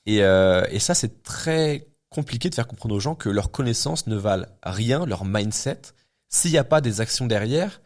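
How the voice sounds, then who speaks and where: A man's voice: lowish voice, animated, moderate pace. A man in his twenties, a guest in a casual podcast chat, speaking bluntly and thinking aloud with plenty of fillers and restarts. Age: 20s. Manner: blunt, talks things through with many fillers and restarts. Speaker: guest entrepreneur.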